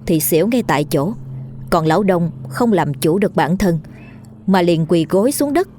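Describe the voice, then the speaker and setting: A woman narrating a horror story in a steady storytelling manner. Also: on the low side, normal speed, a little hiss or hum.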